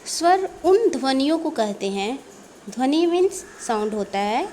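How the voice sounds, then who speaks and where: A woman teaching young children a lesson, speaking slowly, repeating each word and mixing in English terms. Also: sits high, sing-song, warm tone, slight background noise. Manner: slow, repeats words and mixes in English.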